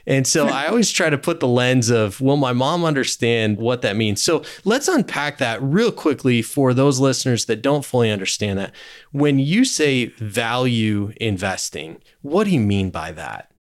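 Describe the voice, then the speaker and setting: A man's voice: mid-range voice, animated, moderate pace. Conversational male podcast host. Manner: conversational, guiding questions. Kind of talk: podcast interview.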